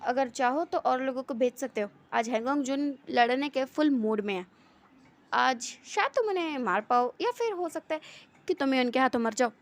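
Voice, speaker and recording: A woman voicing a boss's loyal male henchmen, speaking calmly with a quiet threat. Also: high-pitched, moderate pace. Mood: cool.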